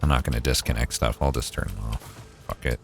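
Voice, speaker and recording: Rumbling low and gravelly, this young Maritime Canadian talks quickly over soft background music. He's casually chatting on a gameplay livestream, musing out loud and tossing in offhand swears.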